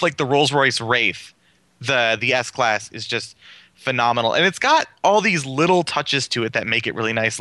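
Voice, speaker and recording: Enthusiastic bright-voiced man chatting about cars. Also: mid-range voice, no room sound. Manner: enthusiastic, rambling with fillers. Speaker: car reviewer on a podcast. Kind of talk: casual chat.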